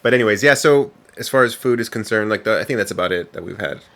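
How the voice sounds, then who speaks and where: A man's voice: fairly low pitch, expressive, quick pace, fairly bright tone. A young adult man co-hosting a podcast in casual chat, rambling with many ums and restarts. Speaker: podcast co-host.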